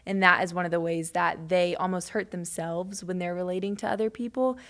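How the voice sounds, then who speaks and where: A woman's voice: fairly low pitch, fairly even intonation, fairly quick, fairly bright tone. A woman co-hosting a ministry podcast, explaining things conversationally. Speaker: podcast co-host. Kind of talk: casual ministry podcast discussion.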